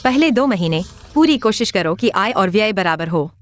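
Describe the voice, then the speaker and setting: Brisk, bossy young woman, dubbed by an actress. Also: medium pitch, animated, a little hiss or hum, lightly acted. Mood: businesslike. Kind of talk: Hindi dub of a TV drama.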